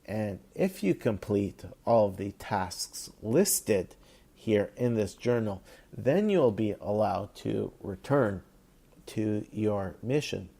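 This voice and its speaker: A man's voice: lowish voice, lively intonation, slow pace, gravelly, mellow, full character voice. A man voicing a stern heavenly voice that hands down judgment in a solemn, commanding way. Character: stern divine voice handing down judgment.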